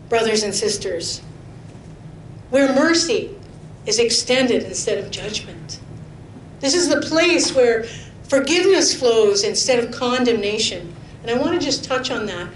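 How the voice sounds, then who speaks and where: Addressing her congregation, a middle-aged woman with a fairly high voice preaches a sermon woven with personal testimony. She's earnest and chatty, laughing often and sinking to a hush for emphasis, while a roomy church-hall echo and faint rumble fill the sound.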